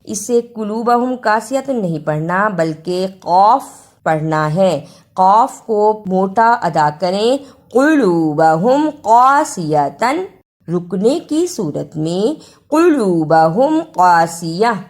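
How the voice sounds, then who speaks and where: A woman teaching Quran recitation, spelling out words slowly letter by letter and explaining how each sound is made. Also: mid-range voice. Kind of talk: tajweed lesson, explaining pronunciation and reciting verses.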